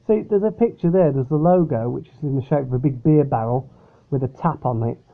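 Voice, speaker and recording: A man's voice: medium pitch, a little fast. A man casually reviewing a drink from his upstairs bedroom, rambling and hesitant. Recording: tinny, phone-like sound.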